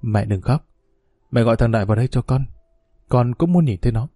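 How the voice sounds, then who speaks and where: A man voicing a weak father just woken in a hospital bed, talking slowly and softly in a low voice. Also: lively intonation, no echo, studio quality, close to an everyday voice. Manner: slow, soft.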